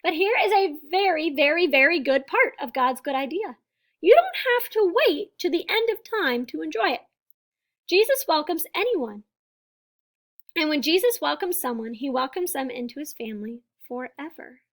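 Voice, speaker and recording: A high-voiced woman, a storybook reader and teacher, reads a picture book aloud to children with lively intonation. She phrases things deliberately and leans on key words, explaining simply the way a teacher would for young listeners.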